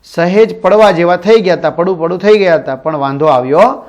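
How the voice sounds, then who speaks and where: A man teaching a primary-school reading lesson with a notably high voice. He goes through the story line by line, repeats phrases, and asks quick questions to check understanding. It sounds like a recorded teaching video. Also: a little mellow.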